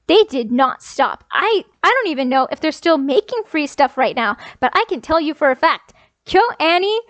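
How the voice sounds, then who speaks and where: High-voiced woman ranting, dry sound. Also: no room sound. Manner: emphatic, repeats phrases for effect. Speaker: anime commentary vlogger. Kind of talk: casual rant.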